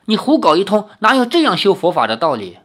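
A reader voicing a brash, hot-tempered young male swordsman who fires off quick, mocking retorts. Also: medium pitch, wildly swooping pitch, fairly bright tone.

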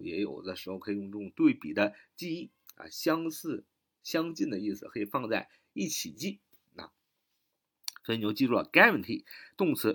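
A man teaches English words, spelling them out letter by letter and leaning on drawn-out filler particles. His voice is a little husky, and his pitch moves about a lot as he explains. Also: a bit bright. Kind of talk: spoken vocabulary lesson.

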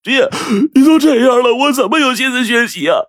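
A man voicing a desperate teenage son who pleads and cries in a strained, shouting voice. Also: lowish voice, animated, a little fast, breathy edge, dry recording, clean studio sound. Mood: pleading. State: crying.

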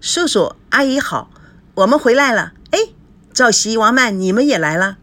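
A woman's voice: fairly high pitch, animated, normal speed, pushed and bright, voice pushed up. A woman voicing an eager, fawning young man who is overly polite.

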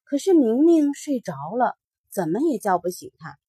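A woman telling a children's story aloud, in a slow, expressive, sing-song manner. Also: on the high side, slightly rough, dry recording, clean studio sound.

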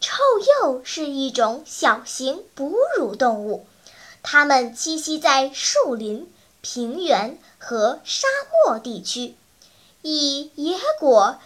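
Woman as a smart girl patiently explaining stuff, bright voice. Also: high voice, lively intonation, slow, full character voice. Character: calm clever girl, explains animals.

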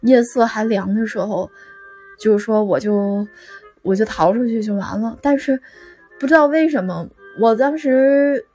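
A woman's voice: on the high side, moderate pace, a little mellow, faint music behind. A woman voicing a hapless young male student who posed as a wax figure, rambling with many fillers. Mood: rueful. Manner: rambling, full of "then" fillers.

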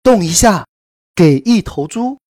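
A woman's voice: on the low side, expressive, measured pace, mellow, pitched below the performer's own voice. A woman reading the lines of a wheedling middle-aged male peasant who bargains with his pigs.

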